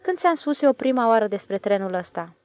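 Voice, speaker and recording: A woman voicing a calm, self-satisfied older male station master in an audiobook, drawling and knowing. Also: a little high. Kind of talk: audiobook character voice.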